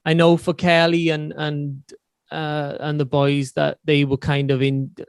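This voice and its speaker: A man's voice: fairly high pitch, monotone, unhurried, creaky, clean tone, no echo, clean studio sound. A man with a Swansea Welsh accent chatting informally and matily as a musician guest on a podcast. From Swansea, Wales. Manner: matey, informal, peppered with "you know". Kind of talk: casual interview chat.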